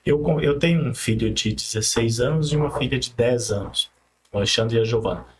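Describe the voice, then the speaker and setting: A man's voice: mid-range voice, brisk, slight background noise. A man in his forties hosting a podcast, polite and reflective, with hesitant restarts. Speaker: podcast host. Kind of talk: interview conversation.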